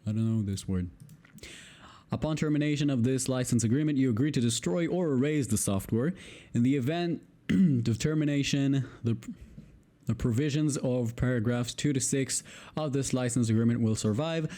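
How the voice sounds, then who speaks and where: A video creator, a native Hebrew speaker with an Israeli accent, reads a legal text aloud in a warm, mid-range voice at normal speed. He trips over long words and breaks off to swear in exasperation.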